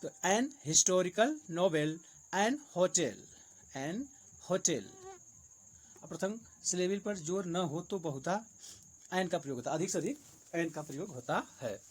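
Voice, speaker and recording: A man teaching English grammar for exam preparation, with Hindi-accented English, repeating each rule and example slowly to explain it. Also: sits high, expressive, slightly rough. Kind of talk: exam-prep grammar lesson.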